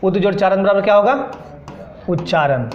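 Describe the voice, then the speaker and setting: A man's voice: sits high, moderate pace. A man teaching a classroom lesson, drilling students with repeated questions and answering them himself. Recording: echoey room, dull sound.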